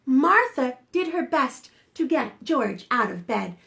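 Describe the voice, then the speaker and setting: In a high, sing-song voice that is slow, creaky, and a little bright, a woman hosts a preschool storytime as a children's librarian. She reads aloud expressively and draws her young listeners in with questions, giving an animated read-aloud.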